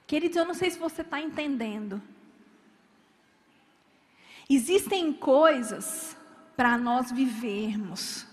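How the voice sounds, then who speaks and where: A woman's voice: high voice, expressive, takes it slowly, pauses often, in a large hall. A woman preaching a sermon, telling stories dramatically and acting out the people in them.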